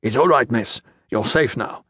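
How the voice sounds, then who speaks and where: A man voicing a gruff, bullying Roman soldier in an audiobook, speaking roughly and threateningly. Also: medium pitch, normal speed, a bit bright, no room sound, studio quality.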